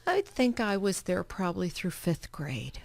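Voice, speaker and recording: A German-native woman who founded a nonprofit recounts her family history as a radio interview guest, giving short, matter-of-fact answers about her life story. Her lowish, creaky voice swoops wildly in pitch at an unhurried pace, captured at studio quality with no echo.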